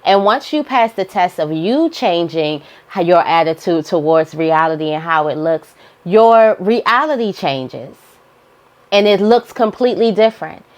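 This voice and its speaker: A woman's voice: fairly low pitch, expressive, measured pace. A woman giving an informal, motivational spiritual monologue, repeating phrases for emphasis as she guides listeners. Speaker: spiritual guidance host.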